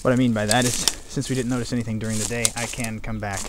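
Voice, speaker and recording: Outdoors and then in an abandoned barn-like building, a calm man talks through his walk as an urban explorer. His voice is mid-range and his delivery matter-of-fact, with filler pauses. Clear background noise comes through the handheld camera mic.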